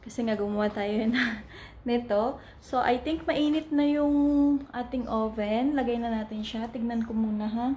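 Filming on a phone in her home kitchen, a young Filipino-accented vlogger chats her way through a recipe tutorial, teaching as she goes and addressing viewers as "guys." Her fairly high voice is a little mellow and at a normal pace, over a faint hiss or hum.

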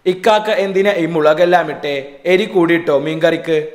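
A playful, teasing teenage sister, as a man reads her in a storybook reading. The voice is a little high and plain. A roomy echo surrounds it. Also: normal speed, natural voice. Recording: echoey room.

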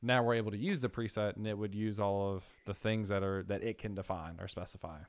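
A young man hosting a coding live stream, thinking aloud with fillers and getting excited. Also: fairly low pitch, brisk, no echo. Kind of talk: casual live-coding chat.

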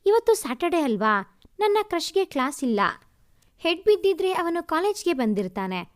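A giggly, lovestruck college girl with a high, lively voice, as a woman reading an audio story puts her on. She teases and drags her words out playfully, her pitch bouncing up and down. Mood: eager. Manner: giggly, teasing, drawn-out whining.

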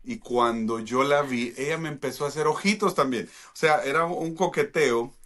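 A middle-aged man from Guatemala tells his story with playful jokes and an easy, chatty flow. He sits at a studio mic in a home studio, and his voice sits at a middle pitch. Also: moderate pace, fairly bright tone. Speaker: guest. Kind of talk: casual chat. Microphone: studio mic with headphones.

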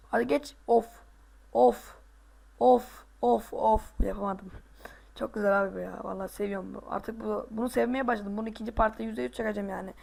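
A male gaming host giving casual let's play commentary, excitable, groaning and boasting to himself as he plays. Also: sits high, creaky.

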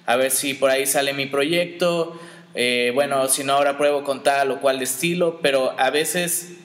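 A man's voice: medium pitch, steady tone, moderate pace, fairly bright tone. A man interviewing a guest, asking long, formal questions with hesitant fillers. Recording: echoey hall reverb.

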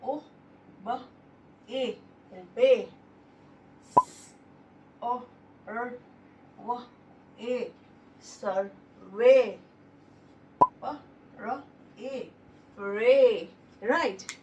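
A woman's voice: fairly high pitch, far from the mic, highs cut off, background noise. A woman teaching a phonics lesson, sounding out letters one by one and praising the children. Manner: slow, sounding out letters one by one, stressing each word; encouraging, addresses listeners as babies.

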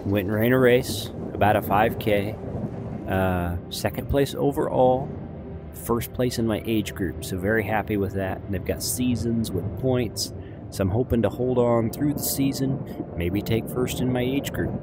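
A man's voice: on the low side, a little slow, over music. A man giving casual, rambling gameplay commentary as a video host, chatty, informal and self-deprecating.

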